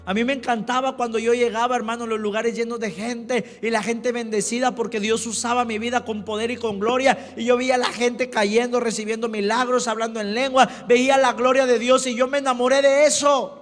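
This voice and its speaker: A man's voice: very high voice, flat delivery, a little fast, hardly any pauses, long reverb tail. A man preaching a sermon as pastor, emphatic, who keeps calling out to his congregation. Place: church.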